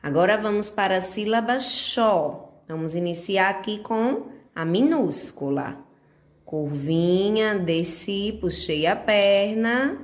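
A woman with a Brazilian Portuguese accent, teaching a remote handwriting lesson to small children, guiding each stroke slowly and patiently with diminutive words. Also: medium pitch. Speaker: preschool teacher.

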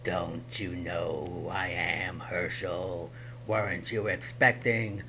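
A man voicing a menacing goblin king from a storybook in a slow, hissing, low whisper. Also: flat delivery, bright, forceful tone, exaggerated voice. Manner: slow, threatening. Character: menacing male goblin king, ancient and cruel. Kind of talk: storybook read-aloud.

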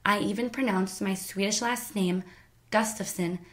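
A woman in her twenties from the United States, reading her own scripted family story in a measured, careful way. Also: medium pitch, steady tone, fairly bright tone. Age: 20s. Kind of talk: scripted personal narration.

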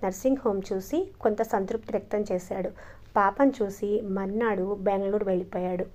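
A woman narrating a magazine short story as an audiobook, in a calm, steady reading manner. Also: mid-range voice, a little fast.

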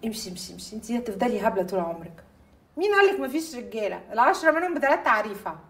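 A woman's voice: fairly high pitch, sing-song. A woman with an Egyptian accent playing a jealous, hot-tempered young bride in a film drama. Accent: Egyptian Arabic. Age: young adult. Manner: quick, emotional, flares into shouting. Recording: film soundtrack with music under dialogue.

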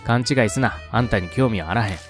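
A man's voice: fairly low pitch, quick pace, faint music behind, lightly acted. Brash young female detective, attempted Kansai dialect, teasing and pushy, read by a man. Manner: pushy and blunt.

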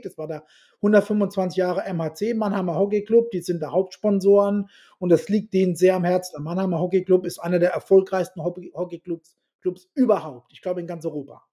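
A man's voice: high-pitched, fairly quick. A middle-aged man telling stories as a podcast guest, bluntly and with salty language, acting out the dialogue he quotes. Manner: animated storyteller who acts out quoted dialogue; blunt and salty, swears casually. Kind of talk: casual storytelling interview.

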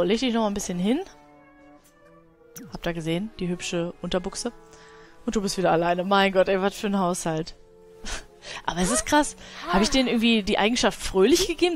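A woman giving casual let's play commentary, chatting to her game characters and laughing often. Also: medium pitch.

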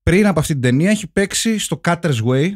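A man co-hosting a film podcast in casual chat, often halting and restarting his words. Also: on the high side, animated. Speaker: podcast co-host.

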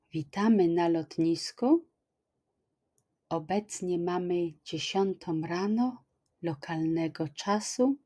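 A middle-aged woman teaching language, repeating each phrase slowly and clearly, at home on a webcam. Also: lowish voice, mellow. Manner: slow, careful, clearly articulated repetition. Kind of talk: extra slow language lesson, repeating phrases.

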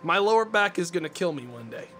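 A man's voice: sits high, big pitch swings, quick pace, fairly bright tone, a little hiss or hum. A man in his twenties, a streamer chatting casually with his viewers in a mock-indignant, ranting way, swearing often. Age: 20s. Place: small dim room indoors.

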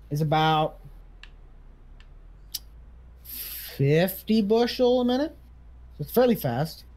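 A man's voice: fairly high pitch, a little mellow, a little hiss or hum, close to an everyday voice, poor audio. A man playing a farm equipment auctioneer in a casual video game role-play, calling for bids and repeating prices.

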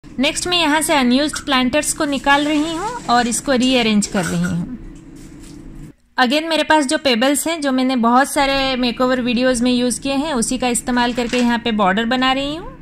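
A woman's voice: high-pitched, normal speed, a little hiss or hum. A woman in her thirties giving a chatty, cheerful tour of her small apartment balcony garden, slipping English words into her speech. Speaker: home decor vlogger. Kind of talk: casual video tour narration. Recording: slightly distant camera mic, faint outdoor ambience.

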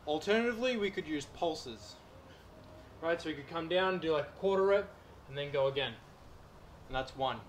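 A man's voice: a little high, moderate pace, long pauses, a little hiss or hum. A young man, a personal trainer, demonstrating home exercises in a garden while talking to a far camera. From Australia. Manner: relaxed, coaching while doing reps.

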